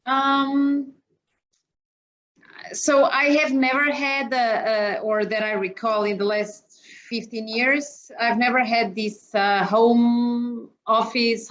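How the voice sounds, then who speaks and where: An operations executive from Mozambique, speaking with a Portuguese accent, joins a video call as an interview guest from her home office, talking casually and hesitantly with many fillers. Her voice is on the high side, a bit bright, fairly even in intonation, and slow. The lo-fi call audio is muffled.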